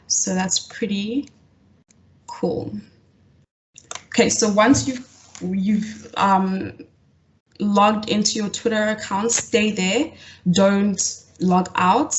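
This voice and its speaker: A young woman facilitating an online coding workshop over a video call, often pausing with fillers and restarting her sentences. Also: mid-range voice, fairly even intonation, slight background noise. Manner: hesitant, lots of fillers and restarts. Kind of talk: live online coding tutorial.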